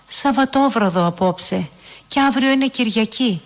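A woman voicing a gentle, patient wife and mother who tries to calm her husband in a storybook reading. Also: on the high side, pitched above the performer's own voice, natural voice. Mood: soothing. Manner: soothing, gentle.

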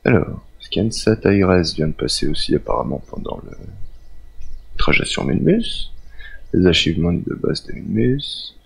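Male let's-player, very deep gravelly voice, loose unscripted commentary with lively intonation. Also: soft background music, low-quality recording. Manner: thinks aloud, reads out mission names, halting with filler sounds. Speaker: gamer playing a space simulation. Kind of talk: casual let's-play commentary.

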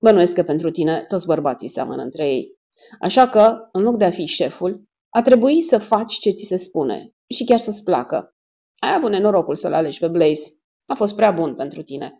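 A woman's voice: lowish voice, expressive, vocal fry, warm tone, breathy edge, heavily acted. A woman voicing a cool, blunt male private detective who gives clipped orders. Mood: cold. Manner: cold and clipped, giving orders. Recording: dull lo-fi audio.

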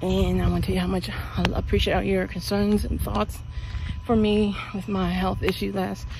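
A gravelly mid-range voice with little pitch movement belongs to a middle-aged Pennsylvania woman vlogging at a moderate pace on a night walk through the suburbs. She chats ramblingly with many fillers, using an earbud mic and an arm's-length phone, amid background noise.

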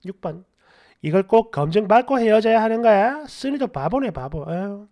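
A man hosting a story channel, reading online posts and comments aloud with animated, mocking commentary. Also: sits high, moderate pace.

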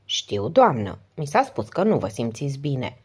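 A woman voicing a low, gruff police inspector. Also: big pitch swings, heavily acted. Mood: calm. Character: calm middle-aged male police inspector, gruff. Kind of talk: audiobook character voice.

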